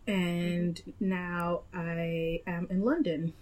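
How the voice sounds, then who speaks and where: Young Nigerian woman, casual chat, lowish register, rambling and self-correcting. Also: steady tone, drawn-out words, a little mellow. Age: young adult. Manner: chatty, meandering, with frequent self-corrections. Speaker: guest.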